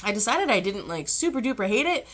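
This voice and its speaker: A young woman with a sick, slightly rough voice, chatting casually to her channel with rambling asides and throat-clearing. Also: mid-range voice, big pitch swings, quick pace, a bit bright. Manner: chatty, rambling, self-amused. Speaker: vlogger. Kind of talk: casual chat.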